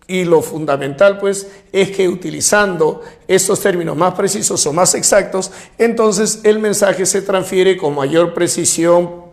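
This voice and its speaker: A man with a high, light voice and a Peruvian Spanish accent teaches a recorded lesson. He goes through examples one at a time and slows down to read them out. He keeps checking that students follow with quick questions like "right?". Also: creaky. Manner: explains slowly with examples, checks understanding with tag questions. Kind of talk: recorded class lecture.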